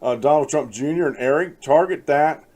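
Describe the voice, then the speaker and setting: A man's voice: on the high side, moderate pace, a little mellow. A man hosting a casual political commentary show, rambling with restarts and fillers and speaking straight to his listeners. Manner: rambling, frequent restarts and fillers, addresses folks; chuckles while reading aloud.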